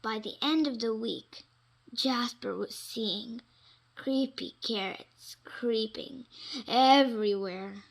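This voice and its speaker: A woman reads a children's bedtime story at a very slow, deliberate pace. Her delivery is dramatic and full of suspense, with a creaky edge to the voice. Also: a little high, rough recording. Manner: animated, dramatic, with suspenseful pauses. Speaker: storybook reader. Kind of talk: expressive read-aloud of children's bedtime stories.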